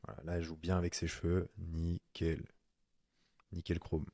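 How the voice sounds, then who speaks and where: A man's voice: low voice, monotone, normal speed, gravelly, mellow, no echo, studio quality. A man giving a casual screen-recorded tutorial in French, chatty and slangy, talking straight to the viewer as "tu". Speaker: online course instructor.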